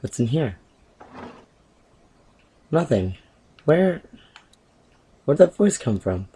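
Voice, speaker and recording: Excitable husky young man gaming. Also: very slow. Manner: chatty and excitable, with big pitch jumps and filler words. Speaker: gameplay commentator. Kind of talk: casual let's-play commentary.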